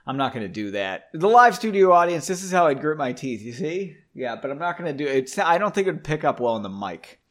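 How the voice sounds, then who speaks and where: A young man reads a novel aloud and keeps breaking off for loose, self-deprecating asides with casual swearing. His voice sits a little high for a man, and his pitch jumps around with a lot of energy. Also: very animated, brisk, few pauses, fairly bright tone. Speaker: podcast host reading a novel aloud. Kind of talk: book reading with casual commentary.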